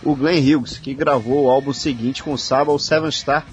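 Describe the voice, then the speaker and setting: A man with a Brazilian accent co-hosting a radio show, telling band history in a relaxed way and often adding "né?". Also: mid-range voice, moderate pace, soft background music. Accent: Brazilian Portuguese. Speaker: radio co-host. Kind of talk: casual radio chat about rock history.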